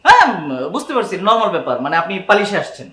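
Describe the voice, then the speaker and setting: A man's voice: sits high, huge pitch swings, very fast. Flustered man in an echoey room. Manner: flustered and hushed. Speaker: husband in comedy skit. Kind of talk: comic sketch acting.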